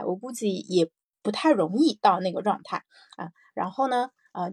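A woman's voice: mid-range voice, vocal fry, darkish tone, husky, no room sound, clean studio sound. A woman hosting a personal morning audio show, talking casually and reflectively, thinking aloud with repeated phrases and little check-in questions. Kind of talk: casual reflective solo podcast talk.

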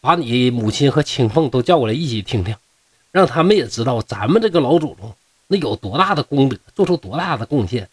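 A man's voice: medium pitch, lively intonation, fairly quick, husky, dry recording. Old fox spirit elder, boastful, folksy, Northeastern Mandarin accent, close dry sound, voiced by a man. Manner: chatty, persuading, folksy.

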